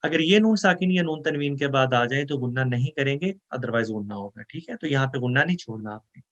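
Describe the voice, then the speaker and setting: A man teaching Quran memorization, explaining pronunciation rules and reciting verses in a slow, drawn-out chant. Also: medium pitch, lively intonation, fairly bright tone, dull audio. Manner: explains Urdu rules mixed with English words. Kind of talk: online recitation lesson.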